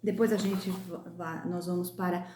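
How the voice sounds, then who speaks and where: A woman from Brazil teaching young pupils in a recorded class lesson, sounding out words slowly and clearly. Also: on the low side, steady tone, roomy sound, background noise. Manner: slow, clear, drawn-out pronunciation of sounds. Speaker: primary school teacher.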